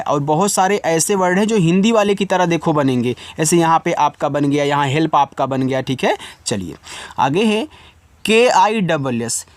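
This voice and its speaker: A man's voice: high-pitched, no echo. A man teaching a spoken English lesson, spelling out words letter by letter and asking his viewers questions again and again. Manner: repeats check-ins and asks the viewer questions.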